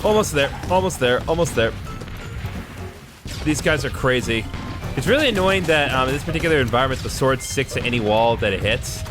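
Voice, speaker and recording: A man's voice: mid-range voice, animated, a little fast, music in the background. A young man giving chatty, playful let's play commentary on a game. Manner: chatty, self-deprecating, playful. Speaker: gamer.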